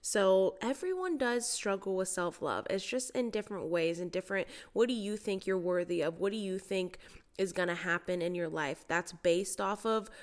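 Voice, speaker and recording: A woman's voice: mid-range voice, moderate pace. A woman hosting a solo podcast in a casual, chatty way, with a stuffy, congested nose from a cold. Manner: chatty, informal. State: has a cold. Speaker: podcast host and mindset coach.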